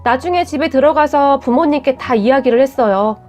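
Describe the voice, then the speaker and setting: A young woman narrating a first-person story in a plain, steady way. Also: high voice, fairly quick. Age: young adult. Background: faint music.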